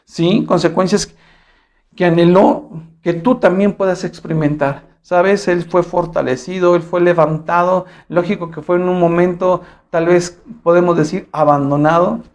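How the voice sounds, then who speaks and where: A man with a Mexican Spanish accent preaching a sermon, earnest, building to emphatic repeated phrases and then dropping soft. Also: high voice, steady tone, normal speed.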